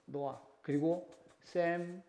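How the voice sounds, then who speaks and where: Guy pastor giving a sermon, kinda high voice, asks the room questions, gets loud then drops to almost a whisper. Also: fairly even intonation, slow, vocal fry.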